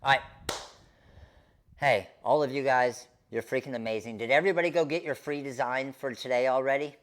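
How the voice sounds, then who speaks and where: A man's voice: medium pitch, steady tone, a little fast. Casual male live-stream craft host. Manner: chatty and informal, addressing viewers by name.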